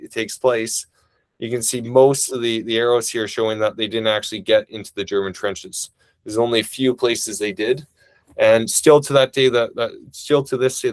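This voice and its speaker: Quick-talking man presenting a webinar. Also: fairly low pitch, dry recording. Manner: talks quickly; casual, enthusiastic, many restarts. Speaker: family history presenter. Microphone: video call.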